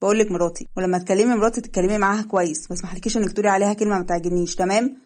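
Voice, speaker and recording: A commanding young husband in a wheelchair who lays down the law in his house and shields his wife from anyone who threatens her. A woman reading an Egyptian storybook acts him out, rattling through his lines at a very fast clip with a firm, stern Egyptian delivery. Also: mid-range voice, steady tone, darkish tone, close to an everyday voice.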